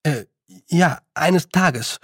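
A man's voice: fairly high pitch, expressive, very slow, husky, no room sound, clean studio sound, exaggerated voice. A man voicing a nervous young nobleman's son in an audiobook, stammering in a flustered, slightly raised voice. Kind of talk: audiobook character voice.

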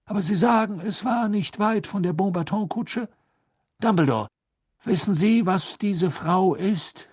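A man voicing a flustered, blustering middle-aged minister who talks high, loud and pushy. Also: measured pace, husky, no echo, clean studio sound. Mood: agitated.

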